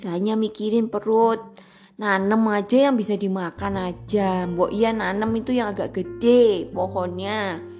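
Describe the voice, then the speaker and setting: Slow-talking playful woman. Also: mid-range voice, darkish tone. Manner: chatty and playful, laughs at her own jokes, acts out little scenes. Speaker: podcast host. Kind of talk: casual solo podcast monologue.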